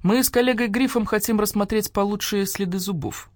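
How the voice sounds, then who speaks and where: A woman voicing a calm, wise old male badger detective, speaking low and measured. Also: no echo, studio quality, close to an everyday voice. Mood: calm, probing.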